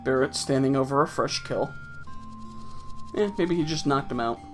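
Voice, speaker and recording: A man's voice: medium pitch, moderate pace, faint music behind. A man casually commenting on his own gameplay with wry, offhand, sarcastic asides. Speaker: let's play host.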